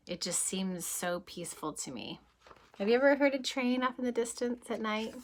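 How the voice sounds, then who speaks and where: This is a kindergarten teacher, female, whose mid-range voice carries a picture book reading for small children. She's gentle and expressive, breaking off at points to quiz her listeners.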